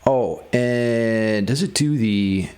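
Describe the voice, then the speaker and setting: A man with a medium-pitched voice draws out his words while teaching guitar music theory casually. He thinks aloud and sounds enthusiastic about the material.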